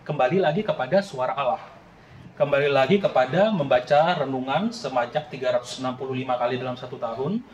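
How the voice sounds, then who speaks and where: A man's voice: medium pitch, fast talker, a little mellow, reverberant, muffled recording, slight background noise. A man in his late thirties preaching a sermon in an earnest, conversational way, often addressing the congregation directly. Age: late 30s. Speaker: pastor.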